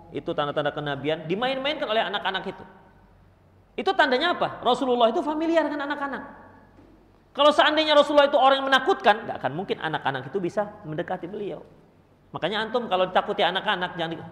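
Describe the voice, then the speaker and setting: A man giving a religious study lecture as a preacher, animated and acting out parents and children. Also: high voice. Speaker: Islamic preacher. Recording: long hall reverb.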